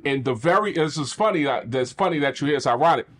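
A man hosting a podcast, telling a candid personal testimony with animated, preacher-like energy. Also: fairly high pitch, fast. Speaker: podcast host.

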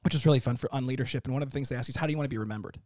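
A man talking as an interview guest, animated and rambling, restarting his sentences. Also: medium pitch, very fast, dry recording, clean studio sound. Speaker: company founder, guest. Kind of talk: casual interview chat.

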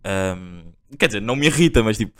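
Speaking fairly quickly in a fairly low, clean, slightly bright voice, a young man with a European Portuguese accent animatedly narrates a story on his podcast. It's a loose, slangy monologue with plenty of fillers and restarts.

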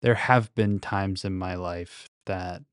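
A man's voice: low-pitched, fairly even intonation, slow, clean tone, dry recording. A man recording a casual, reflective solo podcast monologue very close to the microphone, speaking in a hesitant, introspective way. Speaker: podcast host.

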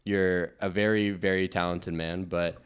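A man's voice: sits low, level tone, a little slow, smooth. A man hosting a casual podcast, often stumbling and restarting his phrases. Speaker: podcast host.

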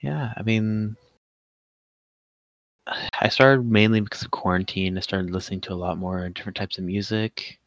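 A young man with a low voice chats loosely on a homemade podcast. He jokes, laughs and rambles. The sound is dry and close. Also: steady tone, moderate pace, long pauses, no room sound. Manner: joking, laughs often, rambling. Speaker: podcast co-host. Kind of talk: casual podcast chat.

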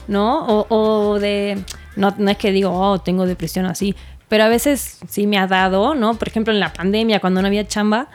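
A woman's voice: medium pitch, fairly even intonation, moderate pace. A woman with a Mexican accent, a guest on a casual podcast, talking in a laid-back, rambling way with many tag questions.

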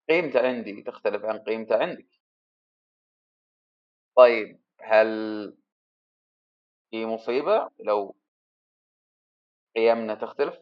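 Rambling lo-fi podcast man. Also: lowish voice. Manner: rambling, self-deprecating, thinking aloud. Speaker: podcast host. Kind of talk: casual solo podcast monologue.

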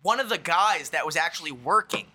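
A man's voice: a little high, a little fast. A young man in casual conversation, talking animatedly and swearing freely. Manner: animated, swearing, shouts when acting out quotes. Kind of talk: casual chat.

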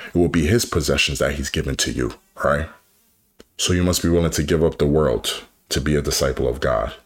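A man's voice: very deep voice, no room sound. A man preaching a podcast sermon, earnest and exhorting, often repeating phrases and asking "right?".

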